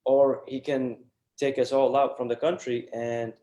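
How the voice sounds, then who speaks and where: A man's voice: mid-range voice, flat delivery, unhurried, dark tone, dull audio. Earnest young man, roomy echo. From Iraq. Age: 20s. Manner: earnest, many fillers and restarts. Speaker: guest entrepreneur. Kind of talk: casual interview talk.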